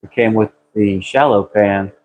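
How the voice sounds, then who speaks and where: Slow-drawling man. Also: on the low side, fairly even intonation, narrow, tinny audio, a little hiss or hum. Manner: folksy, slangy cracker talk. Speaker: live streamer working on cars in a garage. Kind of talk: casual live-stream chat while working. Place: garage.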